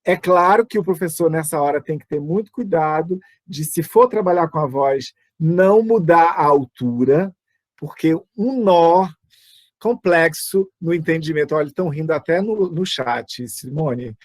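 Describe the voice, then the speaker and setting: A Brazilian Portuguese-speaking man gives an online music lesson by video call, chatty and full of fillers and asides. His slightly high voice has lively intonation and a darkish tone at a normal speed, recorded dry.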